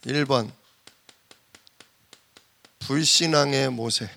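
A man preaching a sermon in a lively way, acting out the voices of the people he quotes. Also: medium pitch, drawn-out words, gravelly. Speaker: pastor.

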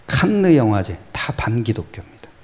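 A man preaching a sermon as pastor, swinging from loud exclamations to hushed whispers and answering his own rhetorical questions. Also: mid-range voice, sing-song, moderate pace.

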